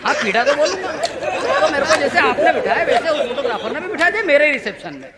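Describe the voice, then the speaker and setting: High-voiced man doing stage comedy. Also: quick pace, over a noisy crowd. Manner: animated, acts out quoted voices, playful audience asides. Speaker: stand-up comic poet. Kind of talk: humorous stage storytelling. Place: stage before a live audience. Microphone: stage microphone.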